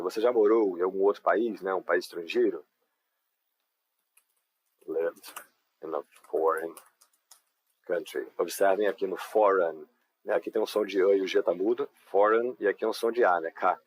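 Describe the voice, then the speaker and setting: A man with a Brazilian Portuguese accent leads a live online English lesson. His voice sits fairly low and has a husky edge. He explains step by step in a patient, unhurried way and keeps checking that the class is following him. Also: rough recording. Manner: patient, explanatory, frequent tag questions. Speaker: English teacher.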